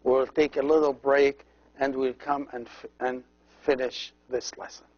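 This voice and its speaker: A man teaching a language lesson as a priest, slowly repeating each word and explaining how every letter is pronounced. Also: medium pitch, little pitch movement, darkish tone, faint music behind. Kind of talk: slow, patient language lesson. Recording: dull lo-fi recording.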